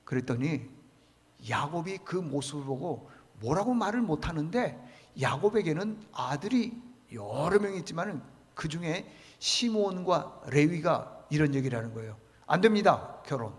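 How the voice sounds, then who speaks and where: Male pastor, sermon, insistent repetition, high-pitched, church echo. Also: big pitch swings, normal speed. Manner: emphatic, rhetorical questions, repeats key words. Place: church sanctuary.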